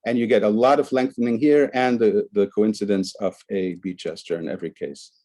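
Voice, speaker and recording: A man's voice: fairly low pitch, steady tone, fairly quick, warm tone. A man giving an academic conference presentation, explaining the examples on his slides one by one.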